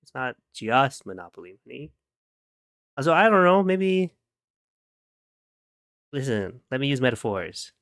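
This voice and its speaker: A man's voice: mid-range voice, sing-song, unhurried, pauses often, fairly bright tone, clean tone, no echo, studio quality. Playful man humming through a live stream. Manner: playful, giggly, hums and scats to himself while working. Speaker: streamer chatting with viewers. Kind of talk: casual live-stream chat.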